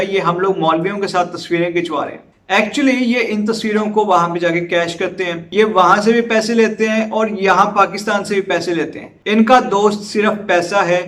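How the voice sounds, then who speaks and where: A Pakistani man presents news commentary for a news and discussion channel, sounding earnest and urgent as he mixes in English words and appeals straight to viewers. His voice sits high with a fairly bright tone.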